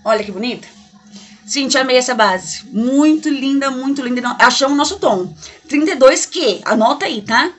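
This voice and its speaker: A woman's voice: high voice, expressive, moderate pace. A woman from Brazil reviewing makeup on her home vlog, gushing and chatty, talking to viewers like friends, recorded in her bedroom. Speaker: beauty vlogger. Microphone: camera mic in a bedroom.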